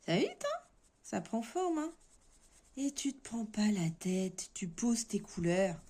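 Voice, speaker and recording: Slow, mellow-voiced woman chatting as she colors. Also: medium pitch, sing-song. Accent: French. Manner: chatty, thinking aloud while coloring, with many fillers. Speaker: coloring channel host. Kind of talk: casual coloring-along commentary.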